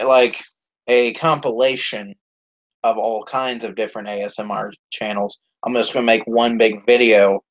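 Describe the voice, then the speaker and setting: A man hosting his own channel's live stream, chatting casually and rambling with lots of swearing and fillers. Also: on the low side. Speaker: YouTube channel host. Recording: dull lo-fi stream audio.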